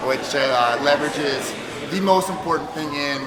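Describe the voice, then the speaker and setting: A man who teaches at a jiu-jitsu academy, explaining his programs steadily with filler pauses. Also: on the high side, a loud crowd. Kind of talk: interview explanation. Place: martial arts academy. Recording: echoey hall with loud music.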